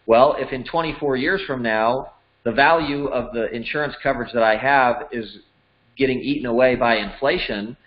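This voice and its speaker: Male finance teacher in his forties, mid-pitched, plain conversational delivery, slightly dull lo-fi recording. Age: 40s. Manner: plain, conversational, works through numbers step by step. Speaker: financial educator. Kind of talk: explanatory lesson over slides. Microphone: voice-over.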